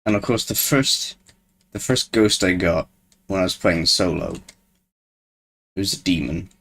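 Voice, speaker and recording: A man's voice: low voice, unhurried, creaky, a bit bright. A man streaming a game alone, rambling in casual commentary and laughing at himself often. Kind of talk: casual solo gameplay commentary.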